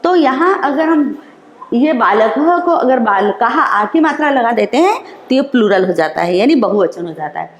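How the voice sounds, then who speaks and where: A woman teacher, explaining slowly and repeating each example in an online class lesson. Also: a little high, expressive, a little hiss or hum. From India. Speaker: school teacher. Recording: roomy echo.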